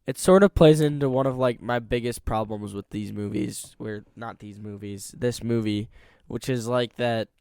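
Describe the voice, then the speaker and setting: A man co-hosting a casual movie review podcast, talking in a rambling, animated way with lots of fillers, close to the mic. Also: mid-range voice, moderate pace, gravelly, smooth, no echo. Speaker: podcast co-host.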